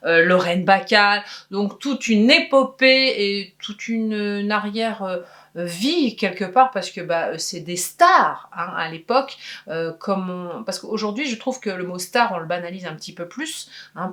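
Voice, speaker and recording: A woman co-hosting a book channel, casually presenting new releases with frequent pauses and fillers. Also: on the low side, fairly bright tone.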